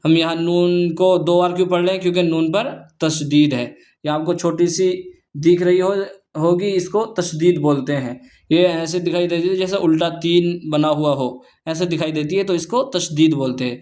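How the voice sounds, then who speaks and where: A man with a fairly high voice teaches Quran reading step by step. He spells out syllables slowly and in a chanting way, then explains each rule quickly and plainly. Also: steady tone, a little mellow. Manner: slow chanted recitation of syllables, brisk explanations between.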